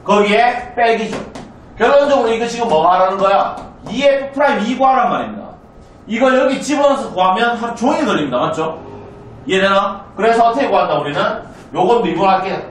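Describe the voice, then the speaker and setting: A South Korean male math teacher lectures his class in a roomy classroom, recorded from a distant mic with a little hiss or hum. His voice sits high with lively intonation, and he's brisk and chatty, constantly asking check questions to make sure students follow.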